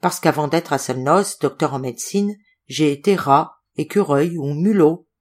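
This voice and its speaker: A woman's voice: low-pitched, moderate pace. A woman reading aloud voices an eccentric older male doctor who talks in a theatrical, declaiming way. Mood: musing. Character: eccentric old male doctor, cryptic and intense.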